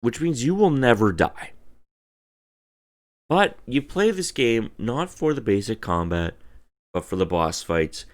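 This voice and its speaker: A drunk man giving a casual, profane video game review, emphatic and theatrical, drawing out words and repeating phrases. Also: sits low.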